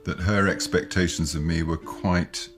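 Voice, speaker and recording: An older man, a parent, speaks in a documentary interview. His voice is very deep, and his delivery is measured and reflective. Soft music plays faintly behind him. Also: steady tone.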